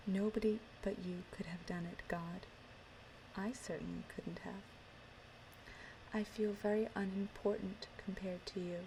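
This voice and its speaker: Slow whispering ASMR woman, slightly creaky. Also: mid-range voice, background noise. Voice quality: soft, breathy whisper. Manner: slow, gentle, deliberate. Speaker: ASMR performer. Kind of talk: whispered ASMR, reciting and chatting. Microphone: close microphone, ear to ear.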